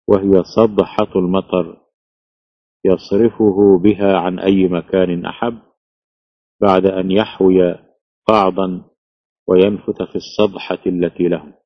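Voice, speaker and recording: Deep, flat man reading aloud. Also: no room sound. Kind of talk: reading a classical text aloud. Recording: dull lo-fi, dry.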